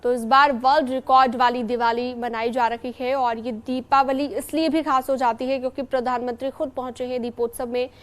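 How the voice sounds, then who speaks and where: A woman news anchor with a high, light voice talks viewers through live pictures in a smooth, even studio delivery. She describes the scenes fluently and passes over to reporters in the field. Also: a little fast, few pauses.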